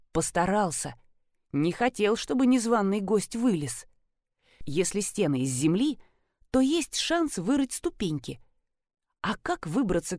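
A woman reads a first-person detective story aloud in a lively way, with wry asides. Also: mid-range voice, no echo, studio quality. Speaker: audiobook narrator. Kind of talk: scripted first-person narration.

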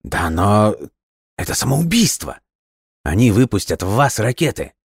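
A man voicing a hot-tempered foreign man who swears and shouts in agitated outbursts. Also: sits low, steady tone, extremely slow, no echo, clean studio sound. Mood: alarmed.

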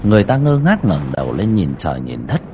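A man's voice: low voice, fairly quick, slight background noise. A man hosting a livestream, reading a village ghost story aloud with dramatic storytelling. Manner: dramatic storytelling with lively rises and falls.

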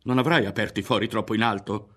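A man's voice: fairly low pitch, fairly even intonation, fast, fairly bright tone. A man reading an audiobook voices a scheming teenage boy who presses his friend with urgent questions. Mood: insistent.

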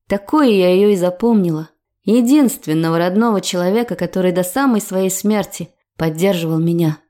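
Woman reading an emotional audiobook. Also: mid-range voice. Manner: emotional, expressive first-person reading. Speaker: audiobook narrator. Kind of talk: first-person audiobook narration.

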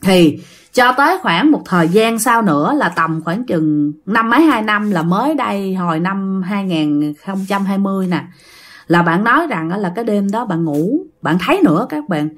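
A woman tells ghost stories in a relaxed, conversational style. She chats loosely, fills her sentences with small fillers, and keeps speaking straight to her listeners. Her voice sits at a middle pitch. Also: normal speed. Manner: chatty, addresses listeners often, many fillers. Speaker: storyteller. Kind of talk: casual ghost story retelling.

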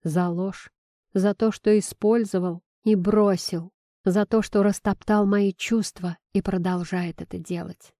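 A woman narrating an audiobook in the first person, with a measured, expressive reading. Her voice has a mellow, warm tone of middling pitch. The recording is close and completely dry. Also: dry recording.

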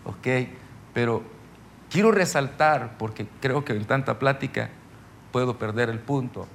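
A middle-aged pastor teaches a ministry seminar in a loose, story-driven sermon style. His voice has a gravelly edge at an ordinary male pitch, and he keeps turning to the listeners to check that they are following. Faint noise sits behind him. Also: a little slow.

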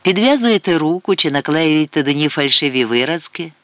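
A man voicing a lively young woman at a shop till, sly and playful, her voice raised well above his own. It is a storybook reading with a dry, close sound. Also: fairly high pitch, normal speed, no echo, pitched above the performer's own voice. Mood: sly teasing. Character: lively young female cashier, sly and teasing.

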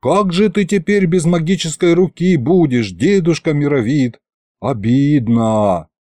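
A man's voice: on the high side, big pitch swings, normal speed, mellow, dry recording, clean studio sound, pitched above the performer's own voice. Man as a wry young hero. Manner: wry, teasing.

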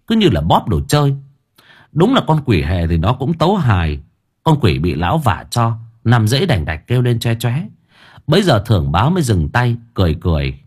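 A man narrating an audiobook story in a lively, animated way. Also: mid-range voice, moderate pace, husky.

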